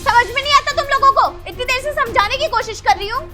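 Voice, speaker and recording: A woman acting a sharp-tongued young sister-in-law in a family skit, nagging and repeating herself as she scolds. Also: very high voice, fast, faint music behind. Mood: scolding. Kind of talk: amateur Hindi web-skit acting.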